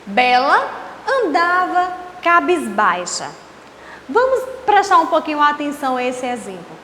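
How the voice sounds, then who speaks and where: A Brazilian woman teacher giving an online class, explaining slowly and asking rhetorical questions. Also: sits high, very animated, bright, forceful tone. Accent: Brazilian Portuguese. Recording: echoey room with faint hiss.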